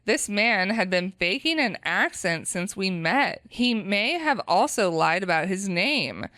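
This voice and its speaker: An American woman reads stories aloud to her co-hosts, breaking off now and then into lively, laughing reactions. Her voice sits at an ordinary middle pitch and is recorded close and dry, with no room sound behind it. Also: measured pace, dry recording. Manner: animated, laughs often. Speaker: co-host reading stories aloud.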